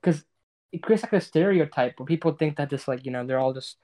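A man's voice: a little high, fairly quick, dark tone, no echo, clean studio sound. A young man co-hosting a casual podcast chat, rambling with many fillers and restarts. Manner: rambling, filler-heavy, hesitant. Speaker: podcast co-host.

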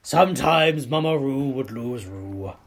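Man, deep baritone, deadpan, sardonic, podcast co-host. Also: a little slow, vocal fry. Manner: dry, deadpan, sardonic quips. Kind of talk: comedic podcast banter.

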